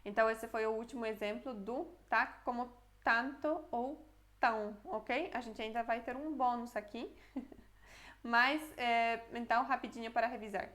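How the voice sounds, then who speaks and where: A woman's voice: a little high, steady tone, a little slow, fairly bright tone. A young adult woman teaching a casual online language lesson, explaining step by step and checking in with the viewer often.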